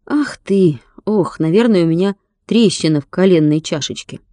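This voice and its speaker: A woman's voice: lowish voice, normal speed, mellow, no room sound, lightly acted. A woman voicing a stubborn, whiny young boy nursing a hurt knee, talking in a sulky, pleading way.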